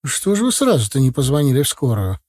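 A man voicing a brisk, stern middle-aged woman medic who speaks firmly and in a businesslike way. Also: medium pitch, very animated, a little mellow, slightly rough, no echo, clean studio sound, voice pushed up. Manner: businesslike, firm.

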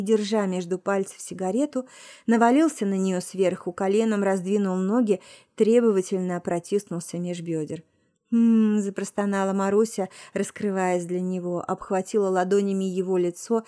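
A woman's voice: medium pitch, warm tone. Woman reading a romance audiobook. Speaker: audiobook reader. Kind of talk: scripted narration of a romance novel.

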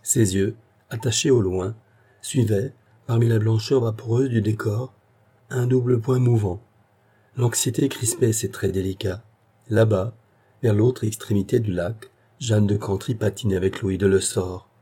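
A man narrating a classic French novella in a measured literary reading. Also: fairly low pitch, warm tone, husky.

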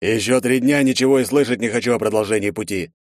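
A man voicing a calm orc healer who speaks slowly and firmly. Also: on the low side, dry recording, clean studio sound, pitched above the performer's own voice, close to an everyday voice. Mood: firm measured. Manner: slow, firm, measured.

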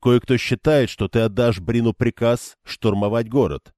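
A man's voice: mid-range voice, moderate pace, a little mellow, no room sound, studio quality, lightly acted. A man playing a stubborn young swordsman who talks in an earnest, pressing way. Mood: insistent.

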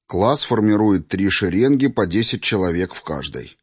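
A man narrating an audiobook in a measured, even storytelling manner. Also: on the low side, breathy edge, dry recording, studio quality.

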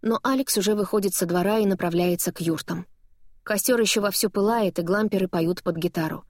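A woman narrating a novel in first person with a lively, dramatic reading. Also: mid-range voice, a little fast, dry recording, studio quality. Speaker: audiobook narrator.

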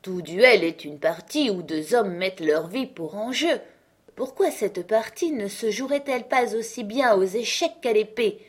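A woman's voice: medium pitch, expressive, measured pace, slightly rough, voice pushed up. A woman reading the part of a witty, mocking uncle, ironic and emphatic, in an audiobook. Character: witty, mocking uncle who fights a duel.

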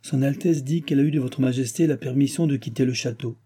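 A man reads a court usher in an audiobook who announces visitors in a formal tone. His voice is dark and husky. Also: mid-range voice, fast talker, close to an everyday voice. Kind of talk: audiobook character reading.

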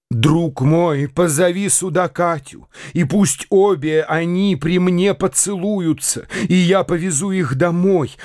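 A man's voice: a little high, a little mellow, no echo, clean studio sound. A man voicing a frail, tearful elderly prince who pleads in a trembling, raised voice in a radio drama reading. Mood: eager.

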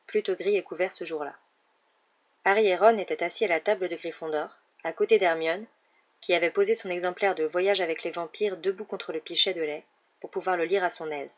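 A woman hosting a night-time radio reading, narrating a novel aloud in a calm, even voice. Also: on the low side, muffled recording. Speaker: radio reader.

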